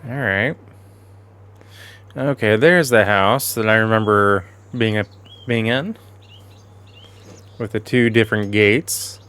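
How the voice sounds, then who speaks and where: A man's voice: fairly low pitch, slow, long pauses, a bit bright. Casual man with a fading voice. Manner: rambling, self-correcting, chatty. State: losing his voice, clearing throat. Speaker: gaming channel host. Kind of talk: casual game commentary.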